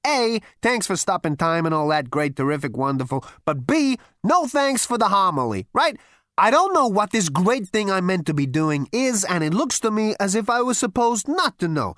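A brash, petulant young male space rogue from a storybook who rants and defies anyone telling him what to do, as a woman reading aloud plays him. The voice stays near her own register but bounces about lively. It sounds dry and close. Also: mid-range voice, no room sound, voice pushed up, lightly acted. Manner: ranting, defiant. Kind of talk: audiobook character voice.

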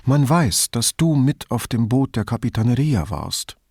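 A man reading an audiobook voices a thoughtful, curious woman who asks probing questions and gently teases. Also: medium pitch, expressive, moderate pace, breathy edge, no room sound, studio quality. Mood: teasing. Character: thoughtful middle-aged woman, curious, wry.

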